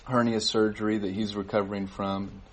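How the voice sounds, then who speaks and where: A man giving church announcements, halting with many fillers. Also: fairly low pitch, flat delivery. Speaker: worship leader giving announcements. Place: church service.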